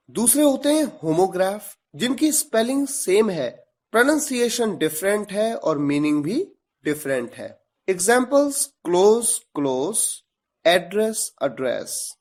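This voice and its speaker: A man teaching a video lesson, spelling words out letter by letter and asking rhetorical questions. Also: high-pitched. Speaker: English teacher.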